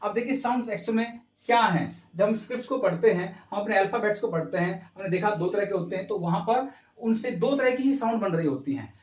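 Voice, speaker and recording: A man teaches at a board in a high, lively voice, asking questions and then answering them himself. He recorded on a camera mic from a distance. The room is echoey and the sound is a little dull. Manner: mixes English terms into Hindi speech. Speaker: English teacher. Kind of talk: classroom lesson at a board. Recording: roomy, distant, slightly dull camera audio.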